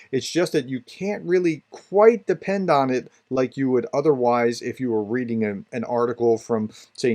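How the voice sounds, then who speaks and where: A man's voice: mid-range voice, a little mellow. Chatty man hosting a tutorial. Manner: chatty, explains while clicking through. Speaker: tutorial host. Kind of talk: casual screen-share tutorial.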